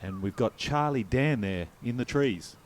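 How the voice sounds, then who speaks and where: Australian male golf commentator, mid-pitched. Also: animated, measured pace, slight background noise.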